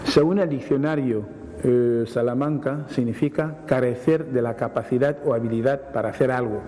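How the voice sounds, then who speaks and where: A man, a language academic on TV who explains word meanings at a measured pace, often repeating himself and giving examples. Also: medium pitch, dark tone. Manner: measured, repeats himself, reads definitions then gives examples. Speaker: language academic answering viewer questions. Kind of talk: explanatory TV segment. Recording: reverberant studio with faint hiss.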